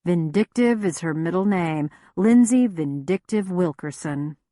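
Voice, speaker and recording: A wry, grim-edged male investigator in a cozy mystery audiobook, voiced by a woman. The voice is low and subdued, with a dry delivery. It sounds close, with very little room. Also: animated, unhurried, warm tone, dry recording. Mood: grim, knowing.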